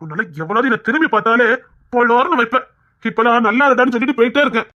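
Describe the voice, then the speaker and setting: A woman's voice: on the high side, very fast, no echo, natural voice. A woman voicing a young husband, a reformed brawler, coaxing and pleading with his wife in an audio drama. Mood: boastful. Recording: dull dry lo-fi recording.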